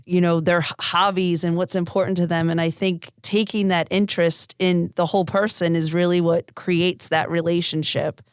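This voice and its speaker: A woman oncologist giving thoughtful, measured answers in an interview. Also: on the low side, flat delivery, clean tone, no room sound, clean studio sound. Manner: thoughtful, measured, uses fillers. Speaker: oncologist guest.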